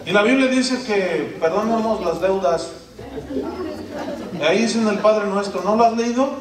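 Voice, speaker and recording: A middle-aged pastor preaches in a high, lively voice, slipping into quick impressions of church members. The sound is roomy, as in a church hall, with the mic some way off. Faint room noise sits underneath. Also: male voice, over a noisy crowd. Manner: animated, acts out quoted church members in changing voices. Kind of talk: sermon. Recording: echoey hall, mic at a distance.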